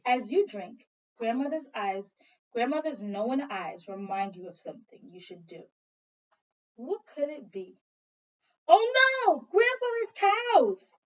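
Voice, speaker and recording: A woman teacher reading a picture book aloud to young children, expressive and pausing to ask them questions. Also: mid-range voice. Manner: expressive, animated storybook reading with questions to pupils. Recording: dull, distant lo-fi recording.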